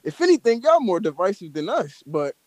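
A man's voice: high-pitched, very animated, fairly quick, a little mellow, no room sound. An American man in a heated casual debate, blunt and profane, pressing his point emphatically. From United States. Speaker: participant in an audio chat room.

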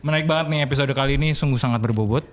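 A man's voice: mid-range voice, rapid-fire, over a noisy crowd. A young man, chatting casually and jokily as a podcast co-host. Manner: jokey, playful. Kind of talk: casual chat.

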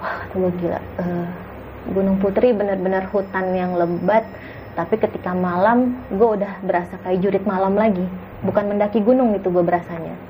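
Female guest storyteller, warm mellow voice, hushed spooky delivery. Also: mid-range voice, steady tone, brisk, slight background noise, rough recording. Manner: hushed, suspenseful retelling with acted quotes. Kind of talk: casual story of a spooky hike.

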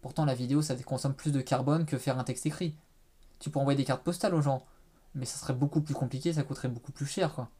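A man's voice: medium pitch, fairly even intonation, fast, warm tone, breathy edge. A man with a faded trace of a Quebec accent, chatting casually and rephrasing himself as he goes. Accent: French with a faded Quebec trace. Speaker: interviewer. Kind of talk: casual conversation.

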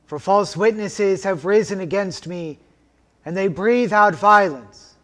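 The officiant, a man with a high-sitting, fairly bright voice, leads a liturgy by solemnly intoning scripture and prayers at a measured pace. His words resound with the long reverb of a cathedral.

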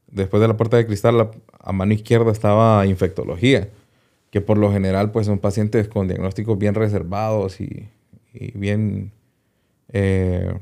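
Low, warm-voiced man telling a story. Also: clean tone. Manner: hesitant, often repeats small words. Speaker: doctor, interview guest. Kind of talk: recounting a personal story in an interview.

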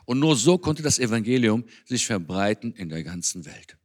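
A man's voice: fairly low pitch, sing-song, moderate pace. A German-born man giving an earnest, conversational sermon in a church. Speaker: speaker on Israel at a church.

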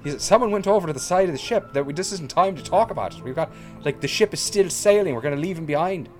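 A man's voice: on the high side, animated, fast, faint music behind, pitched above the performer's own voice, natural voice. A man voicing an earnest young adventurer who talks in a flustered, urgent way.

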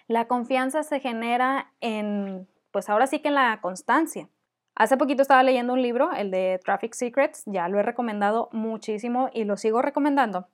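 A woman hosting a solo podcast, giving encouraging, conversational advice and building her points with repeated phrases. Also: a little high. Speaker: podcast host.

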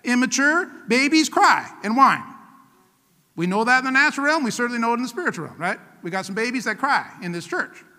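A man's voice: extremely high pitch, very animated, brisk, sharp tone. A man preaching a sermon as pastor, emphatic and rousing, calling out to his congregation. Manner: emphatic call-and-response preaching. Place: church. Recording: church hall reverb.

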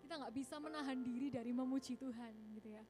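A woman preaching a casual youth sermon in a church, chatty and animated, often calling the congregation brothers and sisters. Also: sits high, quick pace, soft background music. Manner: chatty, animated, mixes English words, often says "saudara-saudara". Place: church service.

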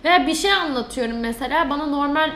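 A young woman chatting casually as a guest, loud and animated, laughing often and swearing offhandedly. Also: sits high, quick pace. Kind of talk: casual chat. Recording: echoey room.

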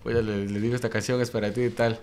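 A man's voice: mid-range voice, little pitch movement, quick pace, darkish tone. A young man hosting a podcast, telling stories in a jokey, chatty way. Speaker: podcast host. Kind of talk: casual podcast chat.

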